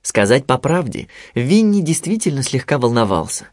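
Storybook narrator, man, lively lilting delivery. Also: medium pitch, moderate pace, no echo, clean studio sound. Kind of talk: storybook reading.

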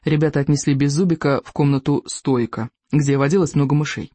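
A narrator reading a children's book aloud with expressive storytelling. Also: medium pitch, fairly quick, no room sound. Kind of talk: audiobook reading.

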